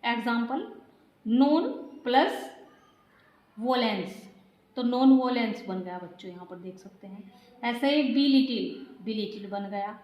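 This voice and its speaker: Woman, high voice, patient children's grammar teacher, echoey room. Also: normal speed, darkish tone. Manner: patient, spells out letters one by one; repeats points and keeps addressing the children.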